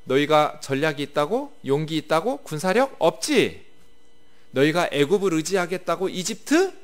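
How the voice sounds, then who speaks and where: A man's voice: on the high side, huge pitch swings, moderate pace. A man voicing an arrogant enemy army commander who taunts with mocking rhetorical questions.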